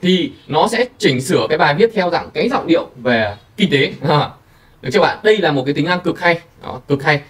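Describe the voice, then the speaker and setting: A man hosting a screen-recorded software tutorial, talking casually to viewers with many fillers. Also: a little high, animated, fairly quick, far from the mic. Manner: chatty, filler-heavy, addresses viewers directly. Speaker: tutorial host.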